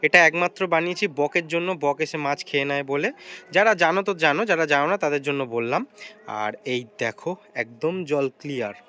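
A young man chatting excitedly to viewers in a casual daily vlog. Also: a little high, fast, clean tone, muffled recording. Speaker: vlogger. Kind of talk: casual vlog chat to camera.

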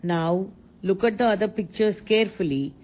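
A woman narrating a scripted lesson for young children, explaining slowly and simply and asking them questions. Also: medium pitch, a little mellow, rough recording. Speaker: kindergarten teacher.

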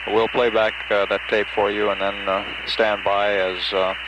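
An American man giving a halting, measured spaceflight status report as a mission control announcer. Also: lowish voice, level tone. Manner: halting, measured official delivery. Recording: 1960s archive radio audio, heavy noise.

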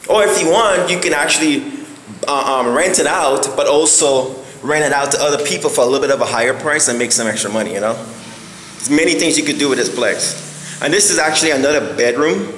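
A man's voice: on the high side, a little fast, fairly bright tone, slight background noise, poor audio. A man giving a casual walking house tour on a handheld phone camera, rambling and searching for words with many fillers. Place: empty house, indoors and on balconies.

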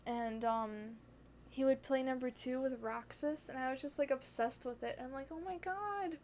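Excitable young woman with a high voice. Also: moderate pace. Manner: excitable, gushing, heavy on "like" and "oh my god"; self-conscious, apologetic asides. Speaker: vlogger. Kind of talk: casual rambling chat. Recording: dull lo-fi audio with faint hiss.

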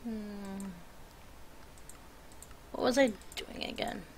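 A woman's voice: medium pitch, steady tone, very slow, a little mellow, slight background noise. A tired young woman live-streaming a game, chatting in a rambling, teasing way with her sister. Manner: rambling, teasing, self-interrupting. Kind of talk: casual live-stream chat.

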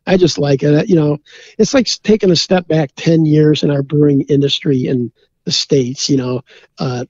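On a podcast, a brewer from Minnesota rambles easygoingly through a casual interview, leaning on "you know" again and again. He has a mellow voice on the high side, captured in a dry, lo-fi recording.

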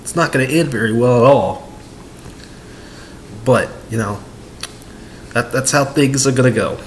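An unhurried, mid-range male voice belongs to a young sports vlogger in his twenties talking casually on his home vlog. He wanders off topic, repeating himself and filling gaps with fillers. His desk webcam in a small room captures a little hiss or hum.

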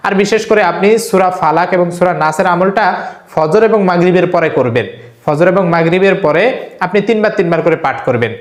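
A man giving step-by-step religious instruction in a Bangladeshi Bengali accent. He gives brisk, repetitive directions and recites verses slowly for learners to copy. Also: sits high. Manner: slow, drawn-out recitation of Arabic verses, repeated for learners; brisk, repetitive spoken instructions with frequent filler "ah". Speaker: Islamic teacher. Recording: echoey room.

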